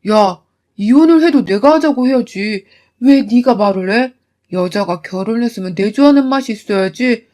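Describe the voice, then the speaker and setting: A woman's voice: on the high side, moderate pace, warm tone, close to an everyday voice. A woman voicing an arrogant husband who orders his wife around, in a storytelling narration. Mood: contemptuous. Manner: bossy, contemptuous. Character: arrogant mama's-boy husband.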